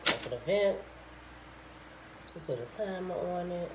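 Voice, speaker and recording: A woman giving a quick, offhand demo of a home device in a phone video. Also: on the low side, animated, roomy sound, very noisy. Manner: brief, offhand remarks. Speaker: product reviewer.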